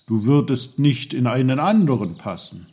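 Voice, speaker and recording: A man voicing a tiny, fussy magical old man who explains things briskly. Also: medium pitch, sing-song, a little mellow, voice pushed up, natural voice. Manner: bossy, brisk, knowing.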